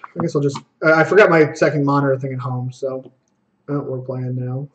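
A young man streams a card game and gives live, casual commentary in a medium-pitched, level voice. He thinks aloud, scolds himself for his own plays, and throws in quick asides.

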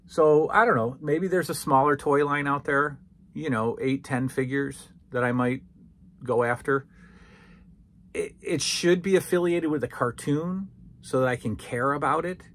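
A man's voice: mid-range voice, fairly bright tone, slight background noise. A man in his thirties, giving a casual rambling room tour while walking around and filming with a handheld phone in a small basement room. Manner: rambling, self-questioning. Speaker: collector vlogger. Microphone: phone held at arm's length.

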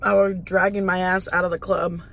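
A woman's voice: on the low side, flat delivery, a little fast, creaky, a bit bright. A woman vlogger telling a casual story while eating in a car, chatty and full of swearing and "like". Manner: chatty, profane, lots of "like". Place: inside a parked car.

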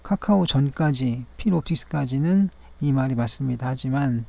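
A man with a gravelly, mellow, dark-toned voice walks through stock charts one by one. His delivery is measured and formal, with polite fillers and the occasional self-correction. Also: mid-range voice, expressive. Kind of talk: daily stock chart review narration.

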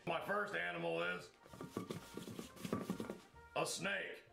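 A man voices a hapless balloon-animal performer in a puppet comedy, announcing each act in a flat, repetitive way. The voice is gravelly and slightly high. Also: slow, echoey room, over music, full character voice. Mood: deadpan. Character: inept deadpan male balloon-animal performer.

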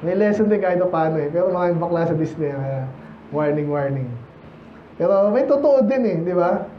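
Brisk and lively in intonation, a high-voiced male pastor from the Philippines delivers a sermon in a church sanctuary. He teases the congregation and asks them one rhetorical question after another in a conversational style. The recording is muffled and echoey, with a touch of hiss or hum.

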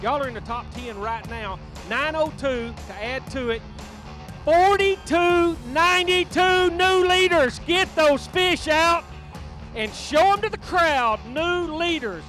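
A middle-aged man emceeing a live outdoor weigh-in on a handheld mic, loud and rallying. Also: extremely high pitch, takes it slowly, soft background music. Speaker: tournament director. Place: outdoor stage under a pavilion.

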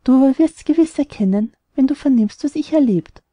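A woman's voice: high voice, expressive, brisk, mellow, no room sound. A woman voicing a lovesick, stubborn young man in an audiobook, delivering rhymed verse earnestly. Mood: pleading.

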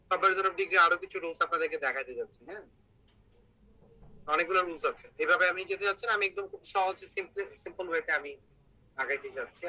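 A man's voice: high voice, pushed and bright, poor audio. A man teaching an online English grammar class, explaining step by step and asking his students questions.

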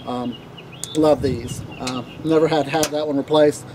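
A man with a Southern accent chatting casually to camera about cigars, relaxed and rambling with lots of fillers, recorded outdoors on a deck. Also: fairly high pitch, a little slow, a little hiss or hum. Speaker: cigar vlogger.

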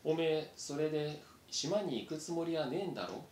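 A man doing Yossho, a gruff rough mouse. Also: animated, normal speed, darkish tone, close to an everyday voice. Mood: scornful. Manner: rough, blunt street talk. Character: gruff rough-talking male mouse leader. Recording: roomy echo, faint rumble.

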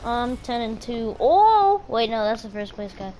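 A woman streaming a shooter game with a friend, chatting casually with sudden excited outbursts. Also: a little high, normal speed, a little hiss or hum. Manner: excited outbursts between calm play talk. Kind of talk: casual gaming chat.

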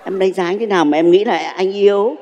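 A man's voice: sits high, steady tone, fast, big-room sound, highs cut off, background noise, natural voice. A man, playing a boastful, flirty suitor in his sixties in a stage comedy sketch. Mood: chatty. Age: 60s. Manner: cheeky, suggestive banter. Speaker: comic actor.

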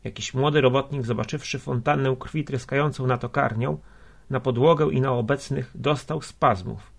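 A man narrating a literary story in a measured, steady way, with a gravelly, husky voice. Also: mid-range voice. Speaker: audiobook narrator.

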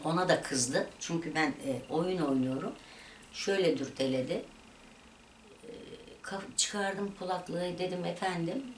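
Woman vlogger, lower register, lively storytelling, echoey room with faint noise. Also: recorded from a distance. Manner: animated retelling of a quarrel, voices rising and dropping. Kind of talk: casual storytelling.

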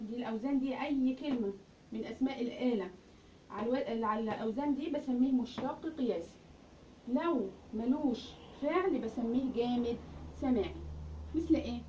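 A woman's voice: a little high, dark tone. A woman with an Egyptian Arabic accent teaching a grammar lesson, asking questions and then answering them herself. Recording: roomy, distant, muffled recording with faint hiss.

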